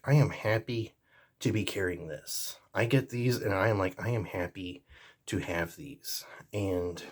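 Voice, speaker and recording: Low, husky rambling man. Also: darkish tone. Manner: rambling and easygoing, many fillers and restarts; jokey sign-off. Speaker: vlogger reviewing pocket pliers. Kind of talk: casual product review.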